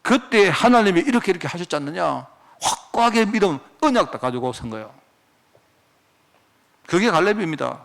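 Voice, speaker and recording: A man's voice: high-pitched, sing-song, brisk, vocal fry, long pauses. A male pastor preaching a sermon, firing off rhetorical questions as he goes.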